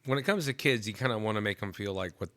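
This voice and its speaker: A man's voice: on the low side, fast, fairly bright tone, no echo, studio quality. A man in his thirties hosting his own show, talking in a rambling, profane, emotional way with many restarts. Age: 30s. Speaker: show host. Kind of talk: casual solo monologue.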